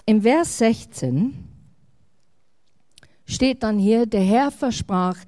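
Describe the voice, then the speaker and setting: A woman's voice: a little high, drawn-out words, mellow, dry recording, studio quality. A woman pastor, preaching a sermon and acting out the biblical dialogue in quoted voices.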